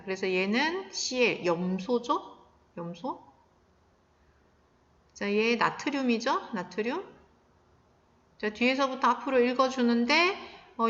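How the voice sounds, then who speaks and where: A woman's voice: medium pitch, a bit bright. Woman, science teacher, recorded lesson, step-by-step explaining, frequent fillers, muffled lo-fi sound. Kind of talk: recorded classroom lecture. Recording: dull, echoey sound with long reverb.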